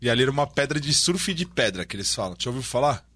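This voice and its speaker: Man, casual storytelling, animated, slangy, bright voice. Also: medium pitch, fast, slightly rough. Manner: animated, slangy, acts out dialogue.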